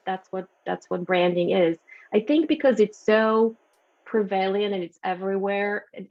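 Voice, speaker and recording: A woman from Bulgaria giving a friendly branding talk over a video call, with frequent restarts and fillers. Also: mid-range voice. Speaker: guest speaker. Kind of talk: branding presentation on a video meeting. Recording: dull lo-fi video call audio.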